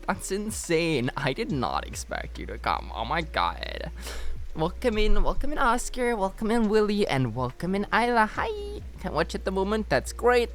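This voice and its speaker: A woman's voice: sits low, slight background noise. A woman streamer chatting casually with her live audience. She gets flustered easily and swears often. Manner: flustered, swears often, reacts loudly to chat. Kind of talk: casual livestream chat.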